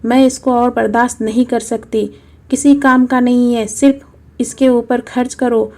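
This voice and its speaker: A woman voicing a harsh, scornful young mother in a storybook reading, speaking in a sharp, scolding way. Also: on the high side, steady tone, a little slow. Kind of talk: storybook narration.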